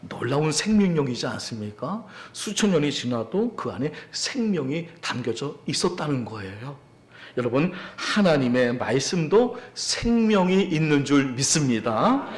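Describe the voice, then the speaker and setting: A male pastor giving a Sunday sermon, moving from a relaxed, anecdotal tone to emphatic preaching. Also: mid-range voice. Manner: conversational, builds to emphatic preaching.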